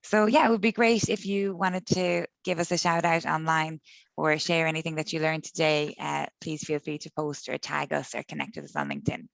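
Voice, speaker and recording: A woman's voice: deep voice, lively intonation, moderate pace, gravelly, no echo, low-quality recording. A woman hosting an online work and wellness webinar, upbeat as she thanks people and wraps up. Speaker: webinar host. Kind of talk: casual online webinar talk. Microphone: video call.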